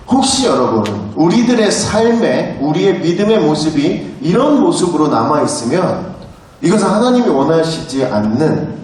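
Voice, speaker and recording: A man's voice: a little high, darkish tone. A man in his thirties preaching a sermon in a church, telling a story and acting out the lines of the people in it. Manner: storytelling, acts out dialogue. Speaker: pastor. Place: church sanctuary. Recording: very echoey hall, distant mic.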